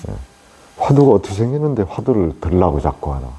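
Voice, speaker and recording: A male Buddhist monk giving a plain, unhurried dharma talk on meditation to lay listeners, with many fillers and tag questions. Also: deep voice, very animated, warm tone, slightly rough, rough recording.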